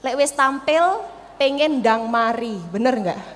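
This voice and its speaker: A young woman with an East Javanese accent giving a lively, playful public speaking workshop, laughing often and demonstrating voice techniques. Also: on the high side, unhurried. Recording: reverberant hall, faint noise.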